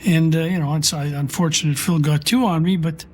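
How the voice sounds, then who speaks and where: A man's voice: fairly high pitch, fairly even intonation, fairly quick. A man speaking casually in an interview about playing, with fillers. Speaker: former player interviewee.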